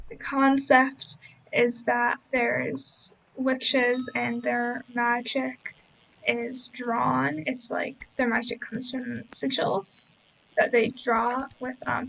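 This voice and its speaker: A young woman chatting in a relaxed, rambling way about books she read, with many fillers. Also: high voice, takes it slowly, creaky, slight background noise, low-quality recording. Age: young adult. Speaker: book vlogger. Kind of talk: relaxed casual chat over gameplay. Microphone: voice-over.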